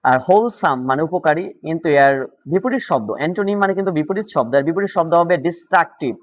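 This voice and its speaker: A man with a Bangladeshi Bengali accent runs an exam-prep vocabulary lesson. His voice sits a little high for a man. He drills words by asking a question and answering it himself. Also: fairly quick. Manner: louder and more animated when solving questions. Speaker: vocabulary teacher.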